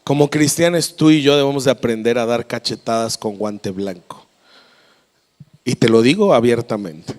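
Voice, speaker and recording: A Mexican man preaching a lively, story-filled sermon as pastor, with a Mexican Spanish accent, in a church. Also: medium pitch, moderate pace, long reverb tail. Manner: lively, storytelling, acts out voices.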